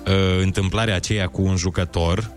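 A man's voice: sits low, steady tone, faint music behind. A man co-hosting a morning radio comedy show, trading dry, ironic banter. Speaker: radio host.

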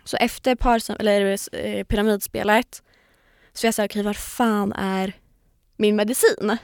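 A woman's voice: medium pitch, steady tone, smooth, dry recording, clean studio sound. A young woman chatting on a podcast as a guest, animatedly telling a story, acting out quotes and swearing casually. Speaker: podcast guest, former reality show contestant.

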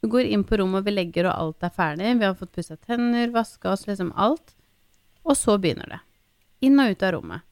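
A woman's voice: smooth, dry recording. A woman in her thirties chatting casually as a podcast co-host, telling stories animatedly and mimicking her child. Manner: animated storyteller, acts out her child's pleading in a high voice. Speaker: podcast co-host, mother of a young girl. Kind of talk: casual chat.

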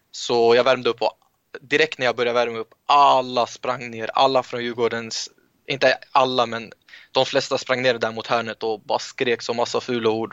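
A young footballer in a casual interview, telling stories with many halting restarts. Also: male voice, medium pitch, a bit bright, clean tone, dry recording. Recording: muffled lo-fi sound, dry.

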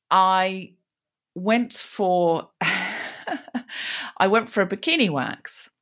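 A woman raised in Australia, a guest telling animated stories in conversation. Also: mid-range voice. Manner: animated, lively anecdotes. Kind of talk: conversational storytelling.

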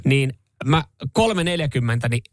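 Animated radio host, man. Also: mid-range voice, dry recording, clean studio sound. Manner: animated storytelling, mimics sounds. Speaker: radio morning show host. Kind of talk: casual radio banter. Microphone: studio microphone.

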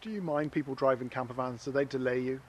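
A man's voice: medium pitch, steady tone, quick pace. An Irish-accented man doing casual interviews on location as a roving radio reporter. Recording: faint outdoor background noise.

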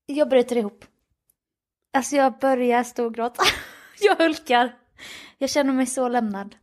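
A tired woman chatting casually, telling a story with lots of laughter and acted-out dialogue. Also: fairly high pitch. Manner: animated storyteller, acts out dialogue, laughs often. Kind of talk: casual chat.

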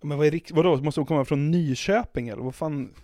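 A man's voice: a little high, dark tone, dry recording, studio quality. A young Swedish man co-hosting a podcast, skeptical and teasing, swearing casually as he pushes back. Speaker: podcast co-host.

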